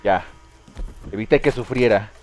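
Excitable Mexican man, swearing gamer. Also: fairly low pitch, a little slow, faint music behind. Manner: casual, excitable, swears freely, talks to chat. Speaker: streamer. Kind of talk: live gameplay commentary.

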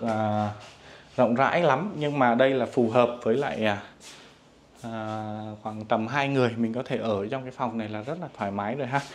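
A man in the middle of a walking tour of a property, talking to viewers in a polite, deferential way and filling pauses with hesitations. His voice sits at an ordinary pitch and is picked up outdoors on a handheld phone, with a faint hiss and the sound of the open air behind him. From Vietnam. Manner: polite and deferential, frequent fillers, addresses viewers respectfully. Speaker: real estate agent giving a property tour. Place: outdoors at a riverside farm resort.

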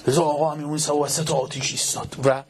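A man's voice: on the high side, flat delivery, slight background noise. A man preacher telling a religious story in a fervent, dramatic way, acting out the quoted lines.

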